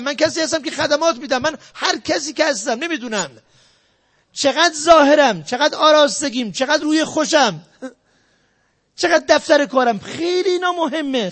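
A man giving a sales lecture, emphatic and repetitive, jumping between loud stresses and quiet asides. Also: very high voice. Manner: emphatic, repetitive, talks straight to the audience. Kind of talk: motivational lecture.

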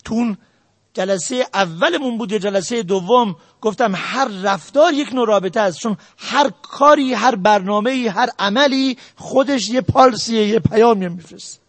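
Brief: male preacher with a very high voice, earnest and exhortative, dry close sound. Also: no room sound. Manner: earnest, exhorting the audience directly. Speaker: religious lecturer. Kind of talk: sermon on family ethics.

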